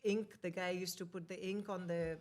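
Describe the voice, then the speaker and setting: Low-pitched Indian-accented woman, emphatic and repetitive. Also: steady tone, moderate pace, darkish tone. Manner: emphatic, repeats words and short phrases. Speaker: interview guest, author. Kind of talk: reminiscing in a conversational interview.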